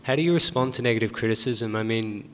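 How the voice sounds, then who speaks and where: A man's voice: medium pitch, fast talker, a bit bright. Hesitant man asking from the audience. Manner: polite, slightly hesitant. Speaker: audience member asking a question. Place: large theater. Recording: long theater reverb.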